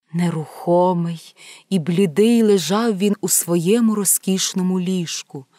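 A woman reads a fairy tale aloud at a slow, careful pace, her voice hushed and often slipping into a whisper. The recording is close and dry, with no room sound. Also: on the low side, no echo. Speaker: storyteller.

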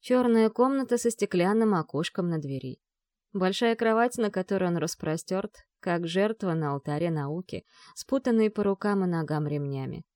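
A woman narrating a novel with a measured, expressive reading. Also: fairly low pitch, dry recording, studio quality. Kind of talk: audiobook narration.

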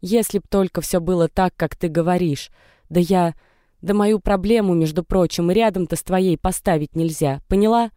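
An audiobook narrator voicing a distressed young pregnant woman, defiant and tearful, in a dry, clear studio read. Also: mid-range voice, moderate pace, warm tone, no echo, pitched above the performer's own voice, close to an everyday voice. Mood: bitter. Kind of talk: audiobook character reading.

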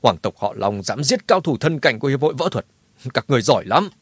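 A man's voice: mid-range voice, sing-song, fast, slightly rough, no echo. A man voicing a furious martial arts association chief who speaks through gritted teeth. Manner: gritted, commanding.

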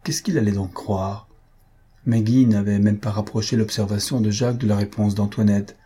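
A man narrating a classic novel in measured, even storytelling. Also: lowish voice, breathy edge. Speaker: audiobook reader. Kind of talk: scripted narration.

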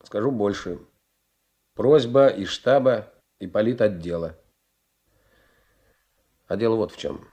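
In a radio play, a male actor portrays a kindly, persuasive middle-aged senior naval officer. His fairly low, warm voice has lively intonation, and he speaks in a measured, encouraging way with deliberate pauses.

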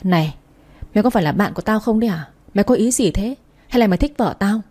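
A woman's voice: mid-range voice, expressive, fast talker, warm tone, breathy edge. A woman voicing a jealous, hot-tempered young husband who talks in a snapping, possessive way. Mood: furious.

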